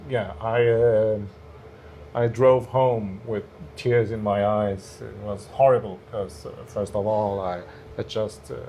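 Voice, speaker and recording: A man's voice: on the low side, fairly even intonation, slow pace, warm tone, slight background noise. A man, a stand-up comedian guest, telling stories in a casual interview, hesitant with many restarts. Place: bar cellar.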